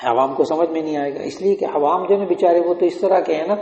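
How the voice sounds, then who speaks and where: A man's voice: a little high, dark tone. An older man, an Islamic scholar, giving a religious Q&A lecture and explaining points while quizzing his listeners. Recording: echoey hall, dull lo-fi sound.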